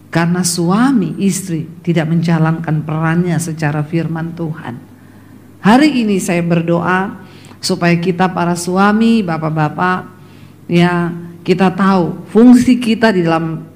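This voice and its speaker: A woman's voice: lowish voice, a little mellow. A middle-aged woman delivers a sermon full of personal stories. She tells them vividly, slipping into her family members' voices and turning often to address the congregation directly. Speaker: preacher.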